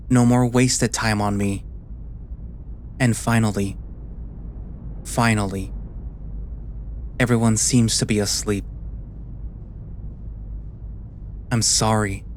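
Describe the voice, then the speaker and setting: A man playing a weary, guilt-ridden animal sailor, narrating a first-person story in a quiet, subdued, slow and deliberate way. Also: on the low side, a little hiss or hum. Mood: sorrowful, resigned.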